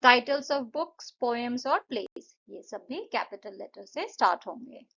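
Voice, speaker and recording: A woman teacher with an Indian English accent talks students through an English workbook. Her voice sits slightly high, and she explains each answer patiently. She draws words out slowly to model their sounds, and the recording is dull and lo-fi. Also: expressive, vocal fry, a bit bright. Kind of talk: Hindi-English exercise walkthrough.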